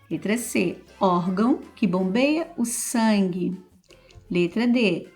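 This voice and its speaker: Brazilian woman teacher, patient, drawn-out key words, soft music under it. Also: mid-range voice. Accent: Brazilian Portuguese. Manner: slow, patient, stretches key words, often adds "então" and "ó". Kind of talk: correcting school exercises aloud.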